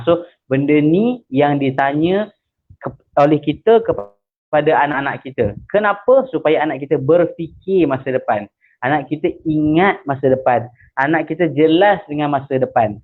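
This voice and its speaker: A man with a Malaysian accent giving a seminar lesson as a religious teacher, a lively storyteller who asks rhetorical questions. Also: a little high. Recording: tinny phone-like audio.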